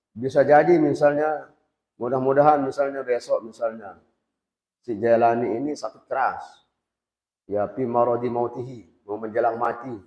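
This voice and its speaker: A man's voice: mid-range voice, darkish tone. A man teaching an informal religious lesson to boarding school students, talking conversationally and putting questions straight to them. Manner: conversational, quizzes students directly. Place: boarding school prayer hall. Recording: echoey hall, dull lo-fi sound.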